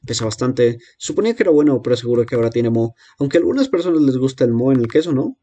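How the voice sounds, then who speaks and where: A man voicing a lonely young girl left alone to feed monsters in her cellar, reading game dialogue aloud with a hesitant, quiet delivery. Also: medium pitch, animated, rapid-fire, natural voice. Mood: resigned.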